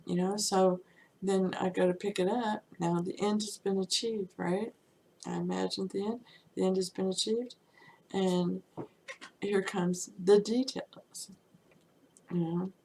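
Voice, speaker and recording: A woman's voice: mid-range voice, fairly even intonation, unhurried, vocal fry, a little mellow, slight background noise, poor audio. A woman teaching manifestation through casual, chatty storytelling, often saying "you know" and laughing lightly.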